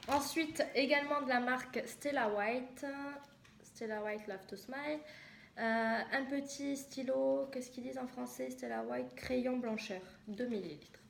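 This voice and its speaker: A young woman from southwest France chats casually in a haul video, hesitant and full of fillers. The vlogger's voice is a little high and gravelly, recorded in an echoey, noisy room.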